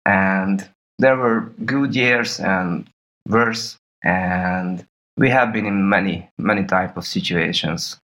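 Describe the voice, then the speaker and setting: A man in his thirties from Serbia, a podcast guest talking through his background in a slow, measured way with small laughs. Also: deep voice, fairly bright tone, low-quality recording. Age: 30s. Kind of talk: podcast interview.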